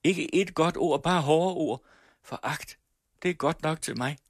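A man's voice: no echo, clean studio sound. A man voicing a tearful pleading young woman. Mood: bitter. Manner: high imploring voice.

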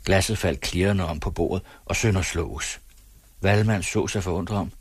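A male narrator reads a story in a measured, storytelling manner. His voice is deep and husky. The recording is dry and close to the mic. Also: no echo. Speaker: audiobook narrator. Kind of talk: scripted narration.

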